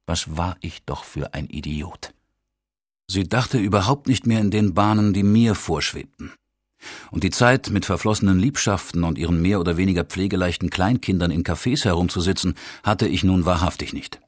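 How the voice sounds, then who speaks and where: Male narrator, very deep voice, husky, dry close sound, measured first-person storytelling. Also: no room sound. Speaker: audiobook narrator.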